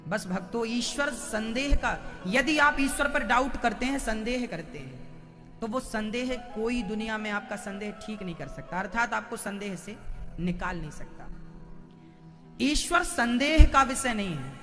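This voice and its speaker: A man's voice: sits high, animated, a little slow, sharp tone. A man giving a devotional sermon, telling stories and firing rhetorical questions at the listeners. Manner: storytelling, rhetorical questions to the crowd. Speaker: spiritual preacher. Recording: long hall reverb with faint music.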